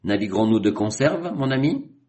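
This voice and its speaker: A hearty sea captain, as a male reader acts him out, speaking in a raised, lively voice. It is a storybook role, pitched above the narrator's own. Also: moderate pace, lightly acted.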